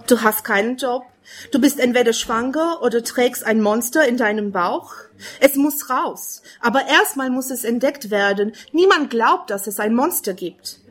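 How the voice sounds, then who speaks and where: Woman w/ doing spoken word poetry, kinda high voice, slow and earnest. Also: a bit bright. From Romania. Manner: measured, earnest, second-person address.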